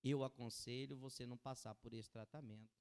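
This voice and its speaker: A man preaching a sermon as pastor, swinging from soft warnings to loud exclamations. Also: medium pitch, steady tone, a little fast, clean tone. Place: church hall with long reverb. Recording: church sermon with long hall reverb.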